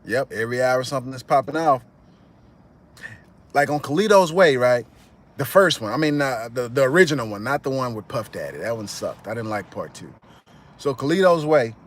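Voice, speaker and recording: A man hosting a livestream, chatting with viewers and retelling a movie plot as a rambling, animated storyteller. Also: mid-range voice, moderate pace, long pauses. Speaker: channel host. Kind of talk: livestream commentary reading chat.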